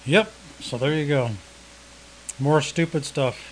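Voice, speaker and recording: A man's voice: fairly high pitch, slow, slight background noise, low-quality recording. A man co-hosting a morning farm radio show, laid-back with dry, wry remarks. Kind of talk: casual on-air chat. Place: radio studio.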